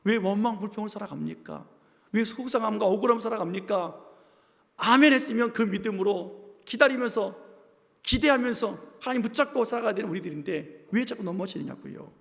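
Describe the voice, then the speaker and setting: A male pastor preaching a Sunday sermon, pressing his congregation with rhetorical questions and swinging from loud exhortation to quiet asides. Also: high-pitched, expressive, fairly quick, creaky. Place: church sanctuary. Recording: church hall with long reverb.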